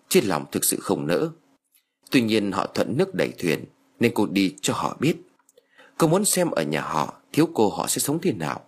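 Husky male audiobook narrator. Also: lowish voice. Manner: expressive storytelling.

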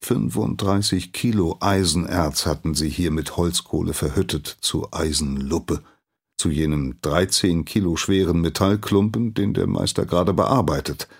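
A man narrating a scripted story in a calm, measured manner. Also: low voice, gravelly, husky.

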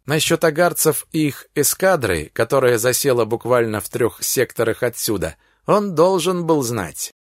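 Man reading an audiobook, steady storytelling, animated pitch, dead-dry close mic. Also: dry recording. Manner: steady storytelling, first-person. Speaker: audiobook narrator. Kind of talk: scripted science-fiction narration.

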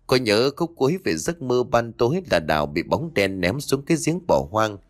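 A man narrating a scripted ghost story with expressive, varied intonation. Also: lowish voice, normal speed.

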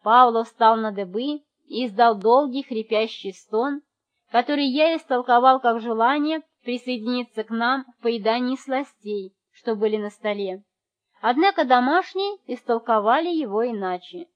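Woman reading an audiobook, highish voice, kinda dull lo-fi sound. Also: normal speed. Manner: lively, acting out the family's voices. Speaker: audiobook narrator. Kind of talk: scripted narration. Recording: dull lo-fi recording.

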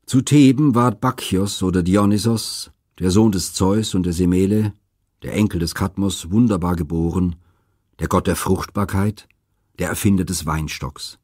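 Husky low-voiced male narrator. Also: normal speed, dry recording, clean studio sound. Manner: steady, expressive reading. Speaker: audiobook narrator. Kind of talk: scripted narration of myths.

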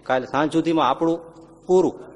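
A man giving a devotional sermon, telling stories animatedly and acting out the characters' lines with sudden loud and hushed swings. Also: fairly high pitch, fairly quick. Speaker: religious storyteller. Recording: long hall reverb.

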